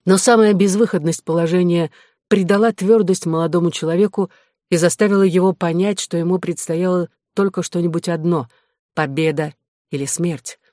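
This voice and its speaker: A steady audiobook narrator reading classic prose in a measured, even way. The voice sits in a middle register, recorded dry and close with no room around it. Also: mid-range voice, no echo.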